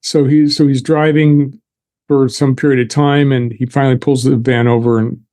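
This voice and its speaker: A man's voice: medium pitch, flat delivery, normal speed, mellow. A man who is an interview guest, telling a personal story in conversation and chuckling wryly at himself. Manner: wry, chuckles at himself while recounting. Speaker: interview guest, belief therapist.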